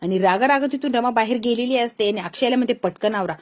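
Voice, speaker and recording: A woman storyteller in lively, quick narration, retelling a TV serial episode. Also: on the high side.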